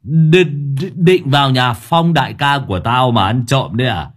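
A man's voice: on the low side, slow. A man voicing a brash, drunken, potbellied motorbike-taxi driver who blusters and curses. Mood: belligerent. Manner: loud, blustering, cursing.

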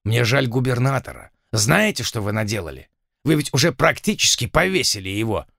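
A man voicing a calm, sly pirate captain who speaks low, quietly and with smooth irony. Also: fairly quick, no room sound, studio quality.

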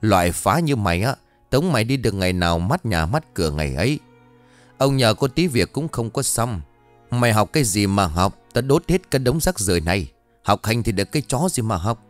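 A man voicing a cruel, foul-mouthed middle-aged rural father who yells coarse insults rapidly. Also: fairly low pitch, very animated, faint music behind. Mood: raging. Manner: coarse cursing and yelling, rapid.

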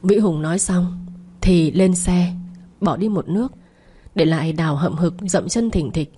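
A woman narrating an audio story in an even storytelling manner. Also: lowish voice, unhurried, husky, faint music behind.

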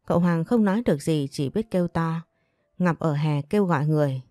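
Low-voiced woman reading a story. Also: a little fast, dry recording. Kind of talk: scripted story narration. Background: soft music.

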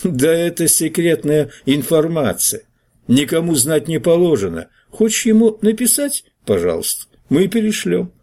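A rude, scrawny newspaper clerk, put on by a male reader, brash and dismissive. His voice sits noticeably higher than the reader's own and swings up and down. A slightly husky edge stays underneath. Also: big pitch swings, moderate pace, warm tone. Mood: mocking.

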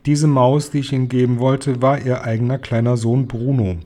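A man voicing an older grandmother who stays calm and quietly mischievous. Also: mid-range voice, normal speed, lightly acted. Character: calm, sly old grandmother.

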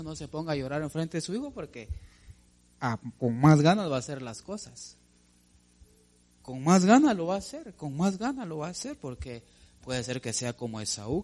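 A man's voice: a little high, darkish tone. A male preacher delivering a sermon, emphatic and direct, putting questions to the congregation and calling them brother.

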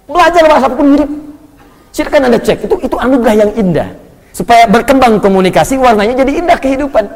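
Preacher, male, high voice, animated and joking, sermon recorded in a big reverberant hall. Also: fast. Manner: animated, jokey, mimics accents.

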